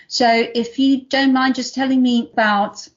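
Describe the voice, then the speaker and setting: A woman's voice: high voice, fairly even intonation, unhurried. A woman from Serbia, hosting an interview and asking long, winding, eager questions. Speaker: podcast host. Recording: slightly dull audio.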